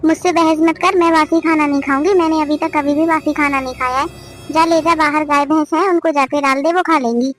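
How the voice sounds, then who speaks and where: A woman's voice: high voice, fairly even intonation, a little fast, a little hiss or hum, close to an everyday voice. A woman voicing a bossy, stingy older mother-in-law in a cartoon family drama, scolding and commanding.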